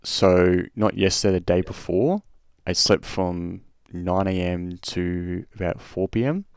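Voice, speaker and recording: Tired streamer guy, real deep voice, dry close mic, rambly and sweary. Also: steady tone, a little slow, smooth, dry recording. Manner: rambling, swearing, stuttering restarts. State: short on sleep. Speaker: streamer and race host. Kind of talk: casual chat over a race replay.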